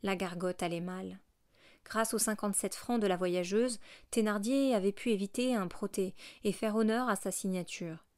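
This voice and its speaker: A woman narrating a classic novel as an audiobook, in a measured, expressive reading. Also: medium pitch, dry recording, studio quality.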